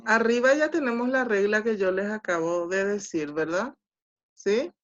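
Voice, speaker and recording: A woman teaching an online class, speaking slowly and deliberately and checking in with short questions. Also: mid-range voice. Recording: dull lo-fi online class audio.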